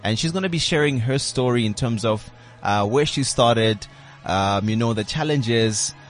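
A man's voice: mid-range voice, moderate pace. A man hosting a radio show from a studio, chatty, with many fillers and restarts. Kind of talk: radio interview and promo read.

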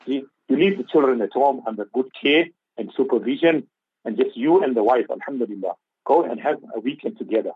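A man's voice: mid-range voice, animated, fairly quick, husky, no room sound, phone-quality sound. A man giving religious advice on a radio talk show, preaching and repeating key phrases for emphasis. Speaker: Islamic scholar on radio.

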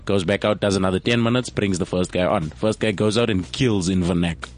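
Speaking in a deep voice at a fairly quick pace, a young man from South Africa spins a rambling, funny anecdote as a comedian guest on a podcast. It's casual storytelling, and he repeats words frequently along the way.

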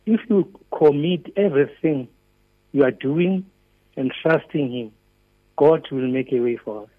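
A man's voice: on the high side, unhurried, husky. A man, a native Zulu speaker with a Zulu South African accent, phones a religious radio show to share a devotional message. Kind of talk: devotional testimony. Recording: muffled phone line on radio.

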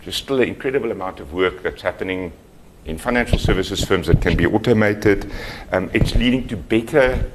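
A man's voice: lowish voice, fairly quick, noisy background. A middle-aged man from South Africa, a native Afrikaans speaker, giving a conversational, self-deprecating conference talk. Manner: self-deprecating, conversational, chuckles at his own jokes. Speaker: keynote speaker.

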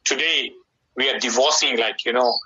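Forceful, husky South African Indian male preacher. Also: mid-range voice, fairly even intonation, moderate pace. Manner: emphatic, preacherly, repeats key phrases. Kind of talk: conversational radio sermon. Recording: slightly dull radio broadcast sound.

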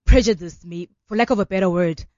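A law student and organization founder in her twenties speaks earnestly in a radio interview, with a South African accent. Her voice is fairly low and dark, at a quick pace, and she talks fluently while sprinkling in many fillers like "you know." The sound is lo-fi with no room sound.

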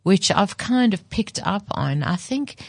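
A woman's voice: mid-range voice, expressive, unhurried, creaky, no echo. A middle-aged woman from South Africa, a psychologist, talking reflectively in an in-depth interview and repeating phrases for emphasis.

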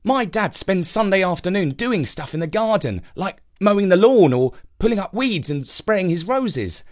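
A man's voice: sits high, sing-song, normal speed, pitched above the performer's own voice. A man doing an eager little boy. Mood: chatty. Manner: eager, chattering. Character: young boy, curious and eager.

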